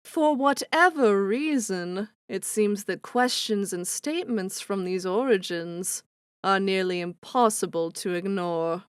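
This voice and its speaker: A woman playing a sly, detached programmed messenger with a measured, matter-of-fact manner in a comic dub. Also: mid-range voice, clear, resonant tone, dry recording, clean studio sound, natural voice. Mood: unbothered. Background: music.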